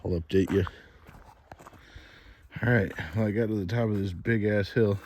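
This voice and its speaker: A man with a very low voice rambles loosely through a hiking vlog, swearing as he goes. He talks while walking a wooded hill trail outdoors. Steady background noise sits clearly under his voice. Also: moderate pace. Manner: loose, profane, chatty. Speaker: vlogger.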